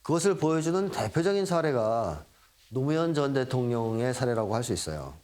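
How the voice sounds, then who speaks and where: A man's voice: medium pitch, very animated, a little fast, a little mellow. A middle-aged man giving a lecture, acting out quoted lines and chuckling now and then. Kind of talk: lecture talk.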